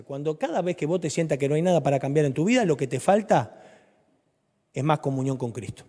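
A man with a Rioplatense Spanish accent preaching a sermon, swinging between loud, urgent lines and soft, low ones. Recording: reverberant hall.

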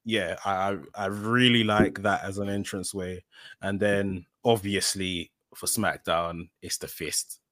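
A man's voice: low voice, fairly even intonation, measured pace, fairly bright tone, no echo. A man, chatting casually as a co-host. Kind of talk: casual chat about wrestling on a live show.

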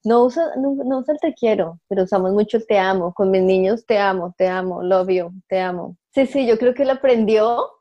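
A woman sharing her experience in a casual group chat, relaxed and reflective. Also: medium pitch, brisk, few pauses, lo-fi sound. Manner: relaxed, reflective, mixes in English phrases.

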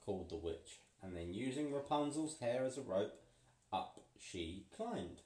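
A man reading a children's storybook aloud in a playful voice, pausing so the listener can supply the missing words. He sounds set back from the microphone in a roomy space, with a mid-range pitch. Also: lively intonation, dark tone. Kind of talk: reading a picture book aloud. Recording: roomy, from a distance.

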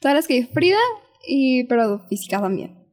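A teenage girl with a Mexican accent, co-hosting a casual podcast chat in an excitable, chatty way. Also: high-pitched, brisk. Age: teens. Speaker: podcast co-host.

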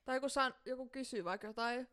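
A woman's voice: high-pitched, bright, forceful tone. A young woman co-hosting a casual podcast, joking and teasing in easy banter. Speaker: podcast co-host. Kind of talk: casual chat.

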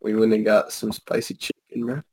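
A man's voice: fairly low pitch, flat delivery, moderate pace, a little mellow, slightly rough. A young man hosting a podcast, chatting casually and laid-back with heavy slang. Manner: laid-back slangy, says bro a lot. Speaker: podcast host. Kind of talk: casual chat.

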